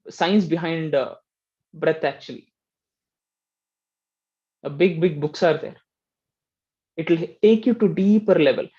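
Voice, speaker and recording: Man teaching meditation, muffled audio. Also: fairly high pitch. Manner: gentle, explains with questions and repeated "right?". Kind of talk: casual spiritual teaching talk.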